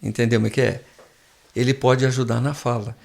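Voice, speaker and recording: Guy, professor on a podcast, explains slowly and patiently, keeps restarting, studio mic, middle-pitched voice. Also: flat delivery, creaky, darkish tone. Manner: didactic, patient, with frequent restarts. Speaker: guest professor. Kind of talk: casual podcast conversation.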